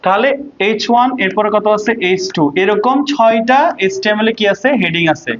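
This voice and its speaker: Brief: Bangladeshi male tutor, higher pitch, steady drilling "ঠিক আছে?", somewhat dull lo-fi sound. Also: a little fast. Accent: Bangladeshi Bengali. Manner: asks questions and answers them himself, repeats "ঠিক আছে?". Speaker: ICT teacher. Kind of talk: online lecture to students.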